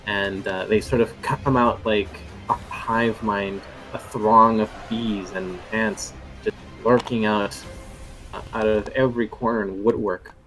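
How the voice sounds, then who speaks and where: A man's voice: on the low side, steady tone, unhurried, fairly bright tone, soft background music. A man narrating as game master of a tabletop game, rambling with many fillers and restarts.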